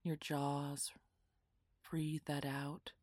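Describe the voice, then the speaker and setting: Slow, low-voiced whispering meditation woman. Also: flat delivery, dry recording, studio quality. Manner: soft, half-whispered, soothing delivery. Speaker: meditation guide. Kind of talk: guided relaxation meditation.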